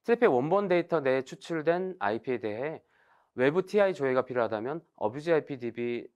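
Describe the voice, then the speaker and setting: A man works through a scripted technical presentation in a formal, measured way, explaining it point by point. His expressive voice sits at an average pitch with clear movement, and it is darkish, clear and resonant, though the audio sounds dull.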